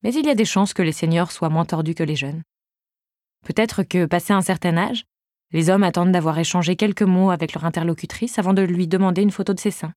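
Woman narrator, low voice, wry storytelling, audiobook, dry studio sound. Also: a little fast, a little mellow, dry recording. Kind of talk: audiobook reading.

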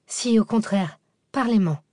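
A young female researcher asks eager, astonished questions, as the reader voices her. Her voice lifts above the narration's low base and sounds dry and close. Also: a little slow, a little mellow, dry recording, close to an everyday voice. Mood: curious. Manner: wide-eyed, questioning. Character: curious young woman researcher.

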